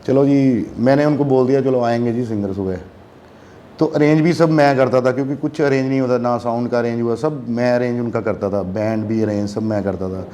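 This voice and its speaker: A man's voice: medium pitch, a little fast, a little hiss or hum. A young man telling a long story in a casual chat, acting out the voices of the people in it. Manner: animated, acts out voices in quotes. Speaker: guest musician.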